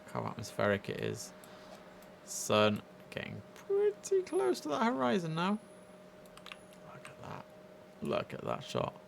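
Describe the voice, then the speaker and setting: A young man streams a game live from his computer indoors, chatting enthusiastically in a high voice with huge pitch swings and vocal fry. He speaks at a measured pace with frequent pauses, over a little hiss or hum.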